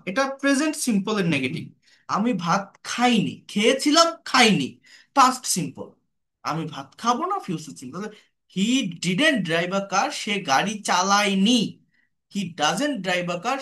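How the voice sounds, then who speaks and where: High, lively Bengali man teaching English grammar. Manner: patient, slow, repeats example sentences. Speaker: English tutor. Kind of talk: spoken grammar lesson.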